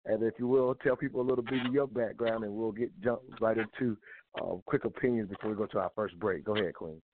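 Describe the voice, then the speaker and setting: A man's voice: fairly low pitch, fairly even intonation, quick pace, noisy background. A man hosting a call-in talk show, introducing guests and rambling through restarted phrases. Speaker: show host. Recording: tinny phone line.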